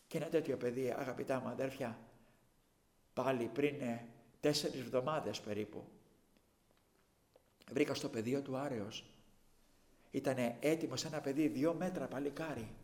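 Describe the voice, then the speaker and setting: A man preaching a sermon to his congregation with great passion, dropping to a hush and then rising to shouting. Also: mid-range voice. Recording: echoey room.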